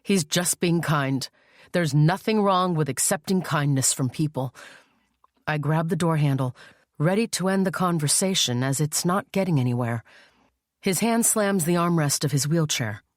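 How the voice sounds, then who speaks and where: A woman with a low voice reads a first-person thriller audiobook. Her delivery turns emotional in dialogue, and the sound is dry and close to the mic. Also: a little mellow, dry recording. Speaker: audiobook narrator.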